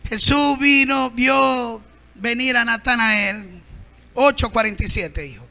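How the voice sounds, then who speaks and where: A man preaching at a Sunday Bible school as pastor, emphatic and sometimes shouting. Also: extremely high pitch, takes it slowly, creaky. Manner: emphatic, acts out the proud and the humble, sometimes shouting.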